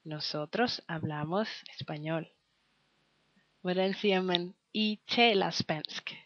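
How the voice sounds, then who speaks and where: A woman teaching a scripted language lesson, slowly and patiently quizzing the listener and pausing for answers. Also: on the low side. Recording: dull lo-fi, dry recording.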